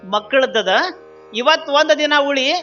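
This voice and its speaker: A tearful old landlord begs again and again in a high, bright voice with a North Karnataka accent, as a male preacher acts him out. His pleas repeat with urgency. Behind him is a slightly dull recording with faint Carnatic music. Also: expressive, unhurried, full character voice. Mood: pleading. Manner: pleading, repetitive.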